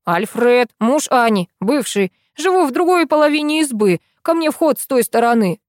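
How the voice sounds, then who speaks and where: A woman reading the part of a meek, hungry, middle-aged man in an audiobook, whining and squeaking. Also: expressive, moderate pace, dry recording, studio quality.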